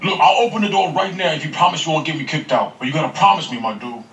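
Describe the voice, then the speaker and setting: A man's voice: fairly high pitch, expressive, fast talker, a bit bright. A man making a casual, slangy prank phone call, stammering and repeating himself as he talks. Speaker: prank caller. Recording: roomy, distant playback with noise.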